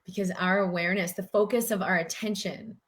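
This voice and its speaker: An earnest woman in middle age who comes from the United States talks in a mid-range voice. She speaks in a warm, animated interview style and fills her thoughts with casual filler words. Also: mid-range voice, a little fast. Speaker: doctor and guest. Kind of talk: conversational interview.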